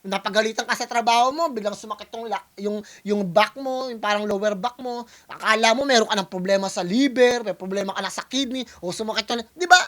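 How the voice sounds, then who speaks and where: A man's voice, pitched high, a bit quick, with a fairly bright tone. He's a music producer reacting to a rap battle, chatting casually with viewers and walking through things step by step at length. Long-winded, he keeps asking "di ba?" and shifts between Tagalog and English.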